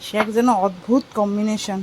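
A woman's voice: mid-range voice, steady tone, a little fast. A woman vlogger and mother giving a casual running commentary to her viewers as she shops and does her chores at home, filming herself on a phone she holds in her hand. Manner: chatty, talks while doing chores. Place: market outdoors, then at home. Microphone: phone held in hand. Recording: noisy phone recording.

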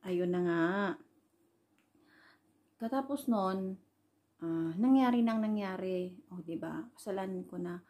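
A woman's voice: mid-range voice, slow, long pauses, dark tone. A Filipino woman, an overseas caregiver, casually recounting a personal story in a rambling vlog style, full of fillers. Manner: rambling, fillers like "ayan", retells quoted dialogue. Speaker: overseas worker and caregiver vlogger.

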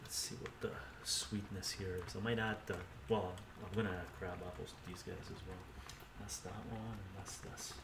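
An older man hosts a cooking live stream from his home kitchen, chatting easily, narrating each step aloud and reading the chat. His low voice stays level at a normal speed with vocal fry. A distant camera mic picks him up, so the audio sounds roomy and noisy.

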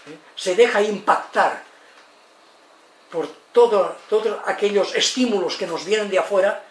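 An older man in his eighties from Spain lectures in a lively way and acts out the voices of people he tells about. His voice is high for a man and sounds distant from the mic. The room is echoey, with a faint hiss behind him. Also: a little slow. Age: 80s. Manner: expressive, tag questions, acts out quotes. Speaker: lecturer on psychology and education.

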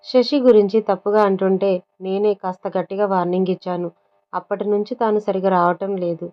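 A woman narrating a serialized story and reading every character's lines in much the same voice. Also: medium pitch. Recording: dull lo-fi sound.

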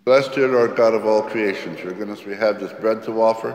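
A priest reciting the prayers of the Mass in a solemn, measured way, his voice carrying a cathedral echo. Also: on the low side, a little mellow. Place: large church. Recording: long echoey church reverb.

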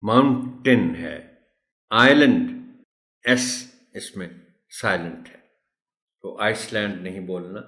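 A man giving a pronunciation tutorial for teachers, slowly drilling single words one at a time. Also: low-pitched, fairly bright tone. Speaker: teacher trainer. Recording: echoey room.

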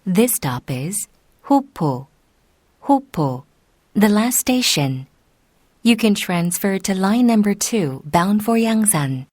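A woman reading a prerecorded train station announcement in a slow, deliberate, formal manner. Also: medium pitch, a little mellow, no room sound, clean studio sound. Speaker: subway announcer.

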